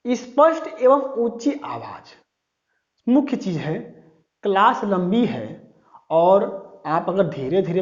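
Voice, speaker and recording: A man's voice: sits high, a little mellow. A man teaching a class-style lecture, asking questions and answering them himself, often checking in with "okay". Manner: asks and answers his own questions; says "thik hai" often. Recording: dull lo-fi sound.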